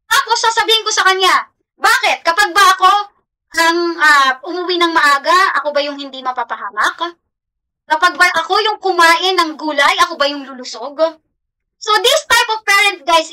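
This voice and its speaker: A woman's voice: very high voice, pushed and bright, low-quality recording. A Filipino woman teacher giving a class lecture, switching between Tagalog and English and often checking in with the listeners.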